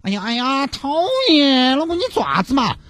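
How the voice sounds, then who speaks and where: A man voicing a whiny, demanding young girlfriend in a shrill falsetto with a Sichuanese accent. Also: lively intonation, fairly quick, a bit bright, dry recording. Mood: coy. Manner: shrill falsetto, nagging and sulky.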